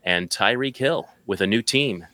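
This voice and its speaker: A man's voice: fairly low pitch, unhurried, pushed and bright, dry recording. An American man, a podcast co-host, announcing sports rankings as a top ten countdown.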